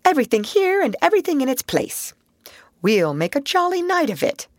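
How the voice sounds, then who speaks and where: A woman voicing a brisk, cheerful male water rat who talks in a bright, hearty, bossy way. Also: deep voice, no echo, studio quality. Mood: cheery.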